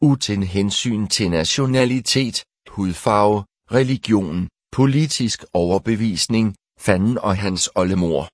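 A man's voice: on the low side, few pauses, no room sound, studio quality, natural voice. A man reading the lines of an eccentric, brooding male survivalist who turns preachy and doom-laden. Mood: indignant.

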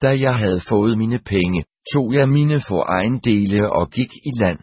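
Husky, low-voiced male audiobook narrator. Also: dry recording, studio quality. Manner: steady, measured first-person reading.

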